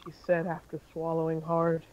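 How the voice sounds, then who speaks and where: A man's voice: on the high side, completely flat delivery, normal speed, a little mellow, muffled recording, a little hiss or hum. A man reading a fan-fiction story aloud in an amateur style, with occasional slips and self-corrections.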